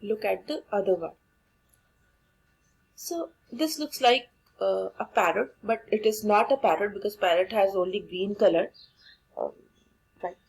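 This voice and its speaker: A woman's voice: medium pitch, drawn-out words, vocal fry, long pauses, darkish tone, husky, rough recording. A woman with an Indian accent teaching English vocabulary, repeating each word and spelling it out letter by letter while mixing Hindi and English. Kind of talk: vocabulary lesson.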